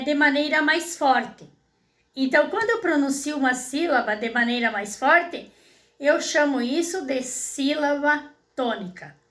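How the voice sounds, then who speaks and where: In a roomy-sounding space, a woman whose voice sits high and a bit bright explains school exercises to students. She's a teacher with a Brazilian Portuguese accent who guides them patiently and checks in frequently.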